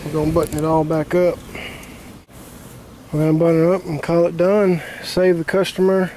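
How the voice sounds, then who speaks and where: Working outdoors next to an air-conditioning unit, an HVAC technician demonstrates a repair step by step in a plain, casual manner full of fillers. He has a fairly high, dark-toned voice, delivered flatly at a moderate pace, and there's a little hiss or hum.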